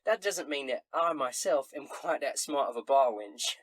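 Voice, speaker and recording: A man voicing a tipsy, dim but friendly barmaid in a tabletop game, with loud, sassy, folksy calls and stammers. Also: mid-range voice, lively intonation, moderate pace, no room sound, pitched above the performer's own voice, lightly acted. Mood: gossipy.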